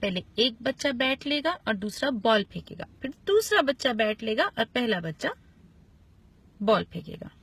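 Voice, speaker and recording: A woman voicing a patient but firm father in a children's story, with a husky voice that coaxes and warns. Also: on the high side, very animated, moderate pace, fairly bright tone, exaggerated voice. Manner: coaxing, then warning.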